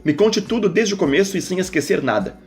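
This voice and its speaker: A man reading aloud, voicing a poised adult woman mentor who speaks calmly and insistently. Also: high voice, fairly quick, soft background music, voice pushed up. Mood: attentive. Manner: calm, teasing, insistent.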